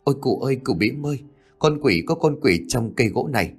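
A man's voice: mid-range voice, lively intonation, a little fast, husky, soft background music. A man voicing a sly young village man with a falsely cheerful manner in a ghost story reading. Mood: panicked. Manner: falsely cheerful, later panicked.

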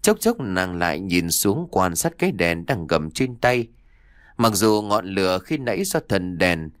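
A man narrating a fiction audiobook in an expressive storytelling manner. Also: on the low side, dry recording, studio quality.

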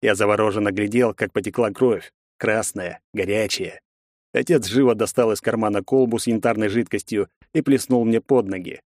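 A man narrating a first-person audiobook in an expressive, gritty storytelling manner. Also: on the low side, normal speed, no room sound, studio quality.

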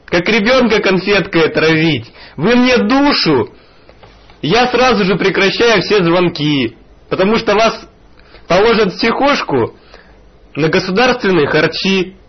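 A man's voice: high-pitched, animated, a little slow, husky. A man making a prank phone call, pestering persistently with mock politeness. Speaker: prank caller. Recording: dull telephone line.

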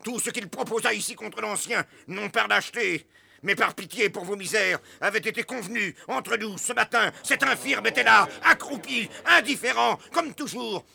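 An impassioned, gravelly elder. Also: male voice, sits high, normal speed, heavily acted. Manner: impassioned, shifting between bitter whispers and shouted rebukes. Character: grieving elder, friend of the slain brother. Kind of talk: classic stage drama.

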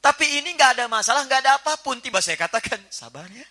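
A man giving a lively sermon as a preacher, joking and acting out small household scenes. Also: very high voice, very fast. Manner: animated, jokey, acts out little household scenes. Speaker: Islamic preacher. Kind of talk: lively sermon to a live audience.

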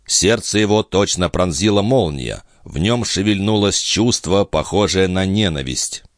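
A man reads a classic novel aloud in a measured, literary manner. His voice sits very low but moves expressively, and the recording is dry and close. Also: lively intonation, no echo. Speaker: audiobook narrator. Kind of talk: scripted narration.

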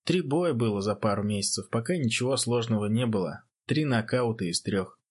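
A man voicing a big, easygoing young male boxer who talks in a loud, bluff way, in an audiobook. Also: mid-range voice, expressive, a little fast, slightly rough.

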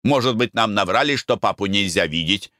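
A man's voice: lowish voice, lively intonation, brisk, sharp tone, dry recording, studio quality. A man voicing a henpecked middle-aged husband who coaxes his wife. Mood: coaxing. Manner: coaxing, wheedling.

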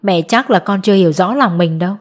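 A woman's voice: medium pitch, fast, natural voice. Woman reading a stern middle-aged mother. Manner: scolding, then soothing.

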